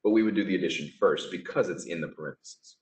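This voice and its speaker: A man's voice: deep voice, fast talker, a little mellow. A man teaching a casual math lesson, talking through each step with chatty, offhand asides. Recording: echoey room.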